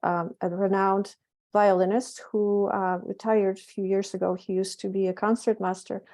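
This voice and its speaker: A middle-aged woman from Poland with a Polish accent, giving a public lecture in a halting way with frequent self-corrections. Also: mid-range voice, flat delivery, dark tone. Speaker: presenter, physician and project curator.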